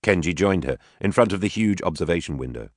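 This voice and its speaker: Deep-voiced male audiobook narrator. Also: lively intonation, a little fast, no room sound, studio quality. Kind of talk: scripted narration.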